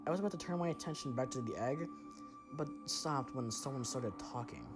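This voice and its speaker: A man's voice: mid-range voice, expressive, fairly quick. Guy telling a scary story first person, dramatic and tense, music playing behind. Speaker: narrator.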